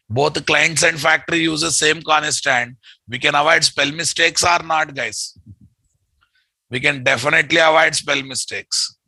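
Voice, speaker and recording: A man with a Telugu accent teaches an online coding class. His voice is forceful and dry, with an unhurried pace. He repeats his phrases and keeps checking in with his students. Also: fairly high pitch, gravelly, no echo, low-quality recording. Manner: repeats phrases, addresses students familiarly with questions. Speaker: programming instructor. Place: indoor room at a computer.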